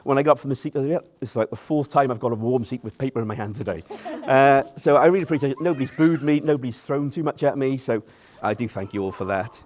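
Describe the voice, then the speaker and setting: At a wedding reception, a man gives an informal best man's speech to seated guests, nervous and self-deprecating, joking as he goes. His mid-range, darkish voice moves at a quick pace with hardly any pauses.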